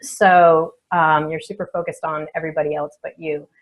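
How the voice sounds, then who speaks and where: A woman, a feng shui expert and coach, answering interview questions in an unhurried, reflective way with many soft fillers. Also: sits low, flat delivery, low-quality recording.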